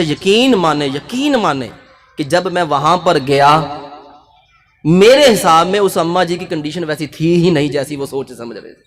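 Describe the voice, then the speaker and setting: A man preaching a sermon with fervor, building to shouted peaks. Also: fairly high pitch. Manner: impassioned, rising to shouted peaks. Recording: echoey hall reverb.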